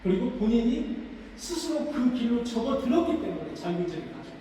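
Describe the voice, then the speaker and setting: A man's voice: very high-pitched, sing-song, a little fast, mellow, far from the mic. A male pastor preaching a sermon, quoting scripture and acting out an accuser's harsh words. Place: church sanctuary. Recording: echoey church hall, mic from afar, faint noise.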